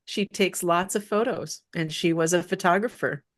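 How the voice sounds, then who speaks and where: A woman's voice: on the low side, moderate pace. Easygoing woman podcast co-host. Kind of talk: casual podcast chat.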